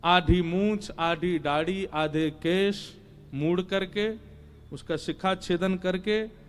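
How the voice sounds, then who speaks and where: Animated high-voiced male scripture storyteller. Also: slow, a little hiss or hum. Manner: animated, dramatic, chants verses. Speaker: devotional storyteller preacher. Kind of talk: devotional scripture storytelling sermon.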